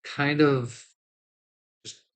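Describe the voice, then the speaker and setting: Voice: mid-range voice, flat delivery, very slow, clean tone, low-quality recording. Tabletop game master narrating a scene. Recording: livestream group game session.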